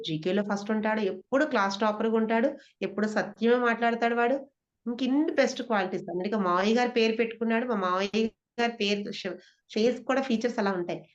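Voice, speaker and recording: A middle-aged woman speaks to a gathering about spiritual growth, drawing on her own family life. She keeps turning to her listeners with rhetorical questions and slips English words into her sentences. The recording sounds dull and lo-fi, at a middle pitch. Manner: asks the audience rhetorical questions. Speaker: speaker sharing spiritual experiences. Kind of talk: spiritual talk to an audience.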